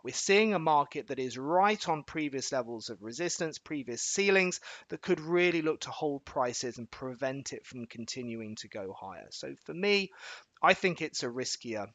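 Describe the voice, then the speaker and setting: A man's voice: mid-range voice, big pitch swings, fairly bright tone, no room sound. Chatty man walking through charts, dry sound. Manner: quick, chatty, explains step by step and checks in with viewers; folksy analogies and filler-laden restarts. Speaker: trading educator hosting a live webinar. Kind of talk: live educational chart walkthrough.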